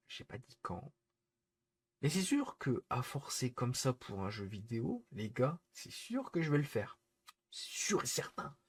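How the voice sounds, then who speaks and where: A man talks live to his viewers from a home setup, scolding them and repeating himself as his irritation builds. His voice is somewhat husky, with a middling pitch. He sounds close to a desk mic. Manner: exasperated, repetitive, scolding viewers. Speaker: streamer. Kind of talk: live-stream rant to chat.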